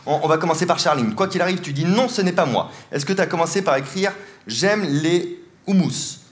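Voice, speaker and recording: Speaking a little high and a little fast, a man runs a comedic mentalism routine on a large theatre stage. He's playful, teases volunteers, and laughs often while talking, as the audience laughs and applauds in the background.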